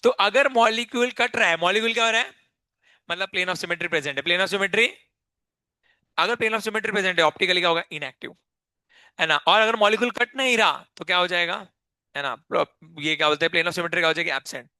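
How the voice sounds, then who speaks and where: A man's voice: high voice, fast, bright, forceful tone, no echo. A male chemistry teacher giving a live class lecture, keeps quizzing students and repeating key terms back as questions.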